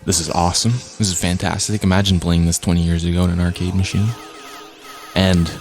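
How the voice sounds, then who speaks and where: Low-voiced man, casual game commentary. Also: level tone, brisk, a little mellow, soft background music. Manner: stammering, repeats words often. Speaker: game jam reviewer.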